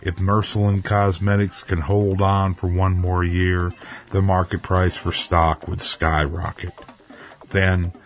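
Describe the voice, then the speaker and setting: A man narrating a dramatic story in a measured, even way, with faint music underneath. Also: low-pitched.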